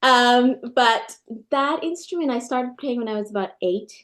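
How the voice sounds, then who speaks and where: Speaking at a normal speed, this slightly high, somewhat bright female voice belongs to a Peruvian guitarist and scholar in her thirties. She responds to an interview with eager storytelling, occasionally starting a sentence over.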